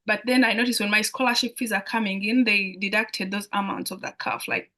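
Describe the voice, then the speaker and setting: Medium in pitch, steady and brisk with a sharp tone, the voice belongs to a young adult Ugandan woman with a Ugandan accent. She's an international student guest on a live online Q&A, explaining points and often repeating phrases.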